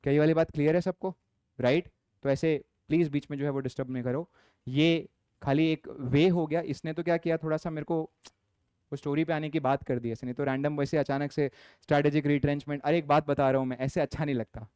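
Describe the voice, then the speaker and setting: A young man who lectures in commerce speaks in a smooth, clear voice set slightly high, with fairly even intonation and a darkish tone. Teaching in a blend of Hindi and English, he scolds the class firmly and slows down to read exam questions aloud. The recording is dry and close, without any room echo.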